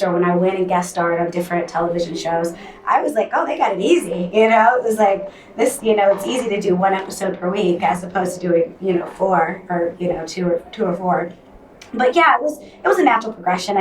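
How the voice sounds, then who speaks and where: Chatty woman on a roomy convention panel. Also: on the low side. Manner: chatty, peppered with "like" and "you know". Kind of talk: casual panel interview answer. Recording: roomy distant mic with faint noise.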